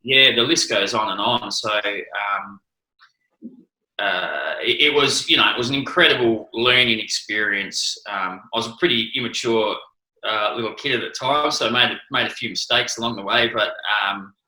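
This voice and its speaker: A former cricketer with an Australian accent answers interview questions as a guest, sounding hesitant with many restarts and ums. His lowish voice is pushed and bright at a moderate pace, in an echoey room on a low-quality recording.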